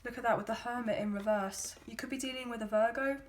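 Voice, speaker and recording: Talking fast in a steady tone, a tarot card reader with a fairly high, slightly croaky and hoarse voice does a relaxed reading for her audience. Her manner is chatty and softly encouraging, peppered with ums.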